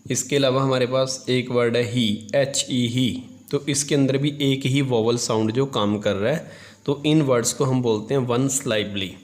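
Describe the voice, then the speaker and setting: A man teaches an English grammar lesson in Hindi, his voice sitting at an ordinary middle pitch. He talks the class through each idea step by step, posing questions and answering them himself. When he dictates English terms, he stretches them out slowly. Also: steady tone.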